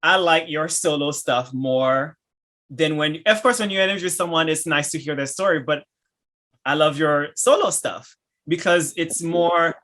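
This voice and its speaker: Speaking in halting bursts and restarting often, this enthusiastic podcast host laughs a lot during a casual interview chat. His voice is bright, ringing, and a little high, carrying a Haitian accent from his native French and Haitian Creole.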